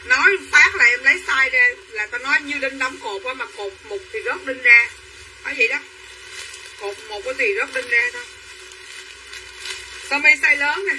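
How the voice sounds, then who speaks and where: A high-voiced woman pitches clothes on a livestream at a moderate pace, pausing often, her tone bright and pushed. She keeps up a repetitive hard-sell chatter and calls buyers by name. She sits far from the mic, and the poor audio picks up faint room noise.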